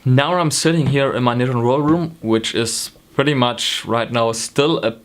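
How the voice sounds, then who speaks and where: A young German man, a knitting vlogger, talks to camera in a mid-range voice at normal speed, his German accent clear. Filmed in close framing from a small room at home, he rambles casually with plenty of ums and self-corrections.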